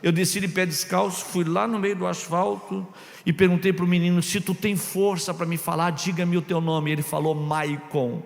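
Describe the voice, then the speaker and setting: A Brazilian pastor telling a story in a sermon, dramatic, swinging from shouts to hushed tones. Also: male voice, sits high, level tone, moderate pace, creaky. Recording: long reverb of a large hall.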